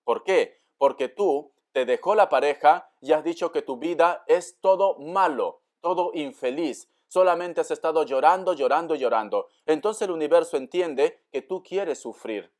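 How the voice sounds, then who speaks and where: A man giving a tarot reading to camera in a warm, coaxing way, often calling the listener dear and acting out their doubts. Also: a little high, lively intonation, normal speed, hardly any pauses. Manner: acts out the listener's doubts in quotes. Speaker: tarot reader.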